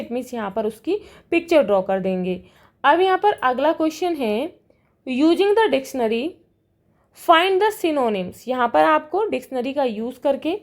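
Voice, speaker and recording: A woman teacher who works through a worksheet. She reads the English lines slowly and then explains them in Hindi. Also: high-pitched, darkish tone.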